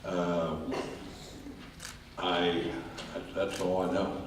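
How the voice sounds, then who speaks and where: Deep-voiced male candidate, halting, heavy uhs, heard from afar in an echoey room. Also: level tone, background noise. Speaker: council candidate. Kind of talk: candidate forum answers. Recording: echoey hall, distant mic.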